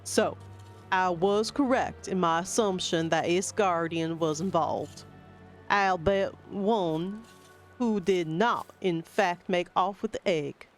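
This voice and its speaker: A woman's voice: lowish voice, soft background music. A woman voicing a stately, grave forest guardian. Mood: relieved. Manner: stately, old-fashioned phrasing, measured delivery. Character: formal, dignified forest guardian, grave and courteous. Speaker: game streamer reading dialogue aloud. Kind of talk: reading video game dialogue in character voices.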